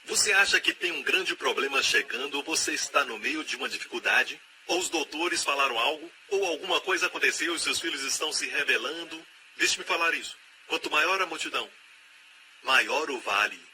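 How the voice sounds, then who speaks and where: A Brazilian Portuguese man gives a sermon voice-over in a slightly raised pitch. He preaches with emphasis and builds to loud, repeated urgings. A steady hiss of background noise sits under the recording. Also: a little fast. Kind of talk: dubbed sermon.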